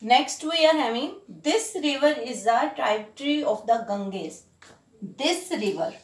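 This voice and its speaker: Indian woman teacher, higher voice, patient explainer, keeps checking in with students, roomy echo. Ideal for school lesson reads. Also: animated, a little slow. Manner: explanatory, frequent "right?" checks, mixes Hindi into English.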